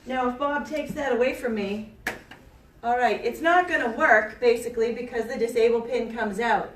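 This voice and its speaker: A woman giving a chirpy, animated trade show product pitch, instructing listeners and often checking in with them. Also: moderate pace, a little hiss or hum. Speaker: self-defense product demonstrator. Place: indoor expo event. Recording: echoey room, distant mic.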